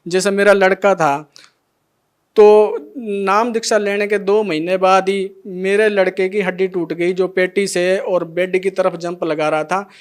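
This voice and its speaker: A man's voice: high-pitched, level tone, measured pace, clear, resonant tone. A middle-aged man emotionally telling his testimony as a devotee, acting out the dialogue of each scene. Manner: retells scenes by acting out every line of dialogue.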